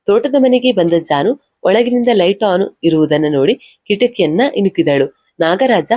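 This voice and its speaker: A woman's voice: mid-range voice, lively intonation, normal speed, warm tone, no echo, studio quality. A woman reading an emotional story aloud, speaking all the characters' lines in her own voice. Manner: narrates and speaks every character's lines in one voice.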